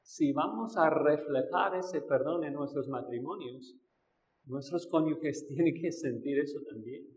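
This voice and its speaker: A man's voice: on the high side, measured pace, darkish tone. A male pastor preaching a sermon, who asks the congregation questions and acts out the voices he quotes. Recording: echoey hall with long reverb.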